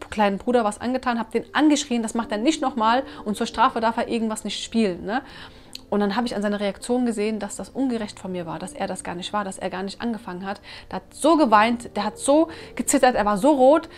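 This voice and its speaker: A woman in her thirties, a mother of three, talking earnestly to camera about raising children, often animated. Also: medium pitch, quick pace. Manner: earnest, animated, acts out her own scolding. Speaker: parenting vlogger, mother of three. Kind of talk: casual talk to camera. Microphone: camera mic.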